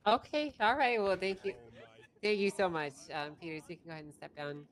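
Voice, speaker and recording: A woman's voice: mid-range voice, animated, brisk, close to an everyday voice. A woman playing a patient, dryly amused judge in an improvised courtroom role-play, polite and conversational. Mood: polite, procedural.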